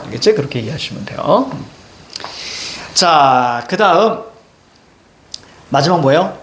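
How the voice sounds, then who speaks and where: A male teacher leads a classroom lesson with a lively, swooping delivery. His voice sits a little high for a man. He keeps stopping to quiz his students and check they follow. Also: a little slow. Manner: animated, questioning students, drawing on a board. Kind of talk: classroom lecture.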